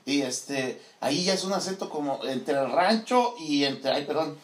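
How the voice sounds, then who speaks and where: A man's voice: fairly high pitch, lively intonation, normal speed. Man, morning show host, rambling with fillers, echoey room. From Tierra Caliente, Michoacán, Mexico. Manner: rambling, many fillers and laughs. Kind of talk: casual morning show chat.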